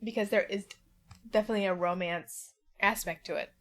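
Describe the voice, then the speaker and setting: A woman's voice: medium pitch, steady tone, a little fast. A tipsy woman co-hosting a casual book podcast, talking bluntly and swearing freely. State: tipsy, drunk. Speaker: podcast co-host.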